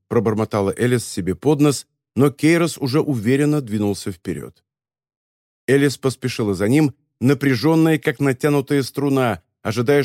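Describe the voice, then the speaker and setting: A man reading a story as an audiobook narrator, in an even, measured telling. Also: mid-range voice, dry recording, clean studio sound. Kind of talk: scripted narration.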